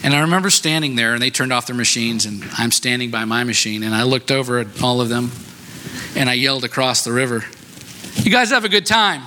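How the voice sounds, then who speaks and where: A man's voice: medium pitch, fairly even intonation, fast talker, noisy background. A man preaching a sermon in a church, telling a personal story in a conversational, self-deprecating way and often checking in with "right?". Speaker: pastor.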